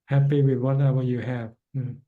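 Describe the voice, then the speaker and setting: On a video call with dull, lo-fi audio, a man teaching meditation fields questions and guides a caller. His mid-range voice stays flat at a normal speed. He talks plainly, repeats himself, and restarts often.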